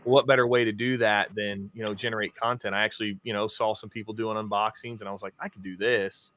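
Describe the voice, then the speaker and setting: A man talking about his YouTube channel as a guest in a casual interview, energetic and laughing often. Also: on the low side, quick pace. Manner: energetic self-styled hype talker, laughs often.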